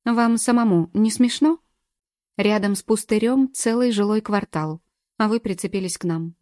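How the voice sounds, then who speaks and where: A woman's voice: mid-range voice, normal speed, darkish tone, dry recording, clean studio sound, pitched above the performer's own voice, natural voice. A woman voicing a cold, defensive older sister under questioning, who speaks in clipped denials. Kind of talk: audiobook character reading.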